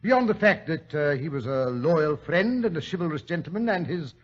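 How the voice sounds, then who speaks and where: Husky fussy British Doctor Watson. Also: male voice, a little high, expressive, normal speed. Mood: coy. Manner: hesitant, fussy, genteel. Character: genteel, flustered British doctor, loyal storyteller. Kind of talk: 1940s radio acting. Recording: dull lo-fi old radio recording.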